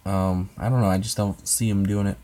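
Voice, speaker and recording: A man's voice: deep voice, little pitch movement, brisk, warm tone. A man hosting his own ASMR channel, chatting casually with viewers in a rambling, hesitant way full of fillers and restarts. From United States. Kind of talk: casual livestream chat answering comments.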